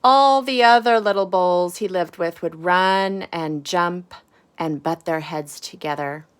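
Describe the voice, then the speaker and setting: A woman reading a children's storybook aloud with casual asides, in deliberate phrases with emphasis on key words. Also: lowish voice, clear, resonant tone. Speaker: storybook reader.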